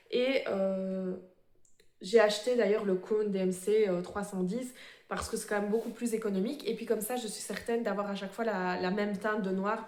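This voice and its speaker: A woman's voice: mid-range voice, darkish tone. Nervous, hesitant woman in an echoey room. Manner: hesitant, many fillers and restarts; self-described fast talker, a bit nervous. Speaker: cross-stitch vlogger. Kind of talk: casual show-and-tell of embroidery projects.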